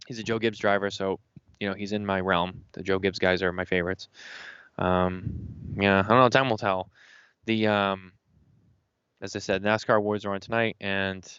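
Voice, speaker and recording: Guy in his twenties hosting a podcast, lowish voice, dry dull audio, rambles a lot. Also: smooth, dry recording. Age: 20s. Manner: rambling, animated opinions. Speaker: podcast host. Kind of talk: casual podcast chat. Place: indoor smoking lounge.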